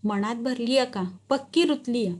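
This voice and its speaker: A woman's voice: a little high, normal speed, darkish tone, close to an everyday voice. A woman reading a story, voicing a proud, stubborn village headman who boasts in rustic dialect. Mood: proud, boastful.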